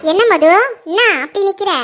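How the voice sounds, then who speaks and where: A shrill, bright-voiced mother berates her grown daughter in a homemade family skit, as a performer puts her on. She is sharp, accusing and demanding. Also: fast, soft background music. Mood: angry, accusing. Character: furious middle-aged mother, suspicious and scolding. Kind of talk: home-made Tamil family skit acting.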